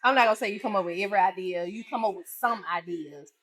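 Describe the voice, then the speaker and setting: A woman's voice: medium pitch, fast, fairly bright tone, poor audio. A middle-aged woman, a restaurant owner co-hosting a casual chat, talking bluntly and teasing.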